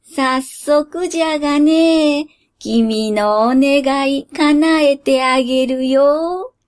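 A woman voicing a shady, lanky middle-aged male genie from a cup of noodles, speaking in a slow, old-fashioned, folksy drawl. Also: sits high. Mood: sly. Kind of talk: storybook character voice.

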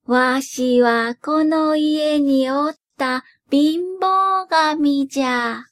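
A woman voicing an old male poverty god who speaks slowly and softly in old-fashioned, rustic speech. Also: high-pitched, voice pushed up, exaggerated voice. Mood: kindly.

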